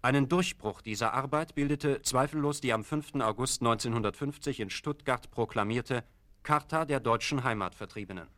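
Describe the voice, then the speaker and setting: A man narrating a documentary in a measured, formal scripted delivery. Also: medium pitch, fairly bright tone.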